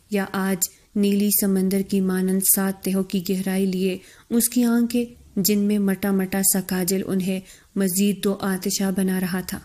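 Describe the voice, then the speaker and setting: A woman narrating a romance novel in a steady, expressive reading. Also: medium pitch.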